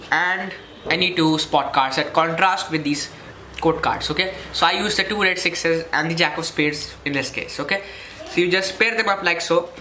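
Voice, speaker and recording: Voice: medium pitch, pushed and bright, slight background noise. A presenter walking through a card trick step by step in an instructional way, often checking in with "okay". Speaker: magic tutorial presenter. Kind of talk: step-by-step demonstration and tutorial. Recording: roomy echo with faint music.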